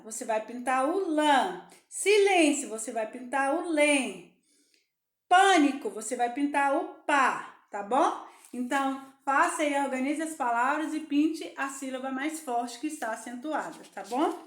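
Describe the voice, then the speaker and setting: A woman's voice: sits high, echoey room. A young adult woman with a Brazilian Portuguese accent, teaching young children in a sing-song, coaxing voice and answering her own questions. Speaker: primary school teacher.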